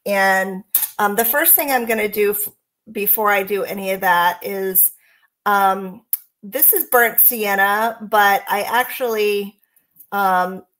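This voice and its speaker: A woman talks her way through a live painting demonstration, unhurried and relaxed, with plenty of "um"s. She faces away from the camera, so her voice reaches the mic from behind her in an indoor studio. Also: medium pitch. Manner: chatty, relaxed, many fillers. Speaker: painting instructor.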